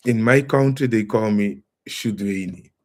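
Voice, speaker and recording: Guy talking slow on a livestream, kinda low voice, calls everyone fam, reads chat out loud and trails off a lot. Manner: reads out viewer comments and greets the chat; calls listeners fam and family. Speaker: livestream host. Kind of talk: casual livestream lecture.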